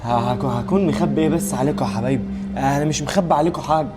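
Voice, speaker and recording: Casting: man as tired Egyptian dad, rapid-fire, slightly high, stammering, music bed. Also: natural voice. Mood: tender. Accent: Egyptian Arabic. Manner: fast, hesitant stammers. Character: troubled father, tired, evasive, tender with daughters. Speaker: actor. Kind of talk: scripted web family drama. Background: background music.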